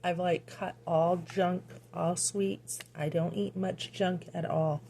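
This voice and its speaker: A woman talking in a personal confessional vlog, halting and full of fillers, at times chewing as she speaks. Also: on the low side, steady tone, gravelly, mellow, slight background noise. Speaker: vlogger.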